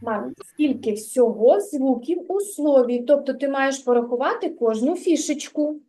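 A woman teaching a kindergarten literacy lesson, her voice high and bright. She speaks unhurriedly, sounding out each syllable with care. She keeps prompting the children with gentle questions. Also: expressive, low-quality recording. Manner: slow, carefully articulated, coaxing questions to children. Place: kindergarten classroom.

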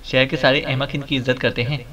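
A man's voice: medium pitch, level tone, bright, forceful tone, distant mic, lightly acted. A man doing a cocky flippant young heir. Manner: dry, offhand, mocking.

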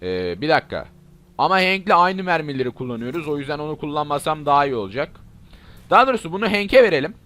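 Excitable young man narrating gameplay. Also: on the high side, fast talker. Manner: excitable, shouts and curses at zombies. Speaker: gaming YouTuber. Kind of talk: let's play commentary.

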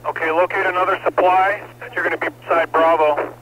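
A man working as a fire incident commander, giving terse, urgent firefighter radio orders with hesitant pauses over a two-way radio. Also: sits high, steady tone. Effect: two-way radio transmission. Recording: noisy, clicking, band-limited fire radio traffic.

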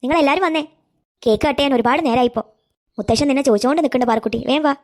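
A woman voicing a caring, firm middle-aged aunt in a cartoon, coaxing and steady. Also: high-pitched, rapid-fire, lightly acted.

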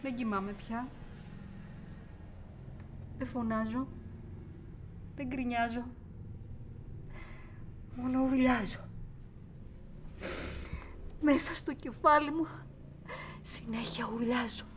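Actress playing a young woman haunted by abuse, theatrical monologue, obsessive repetition, whispering and outbursts, fairly high voice. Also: steady tone, pauses often, background noise, natural voice. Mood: bitter. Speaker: actor.

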